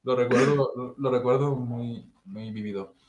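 A man's voice: mid-range voice, steady tone, a little slow, lo-fi sound. A young man with a Mexican accent, chatting casually and telling an anecdote, acting out the voices of the people in it. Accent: Mexican Spanish. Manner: storytelling, acts out voices in his anecdote. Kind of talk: casual chat. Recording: roomy echo, faint noise.

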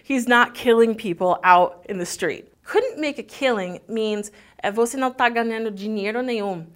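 A woman's voice: on the high side, measured pace. Woman teaching in Portuguese. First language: English. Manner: lively, switches between Portuguese and English. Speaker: English teacher. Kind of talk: language lesson, explaining lyrics.

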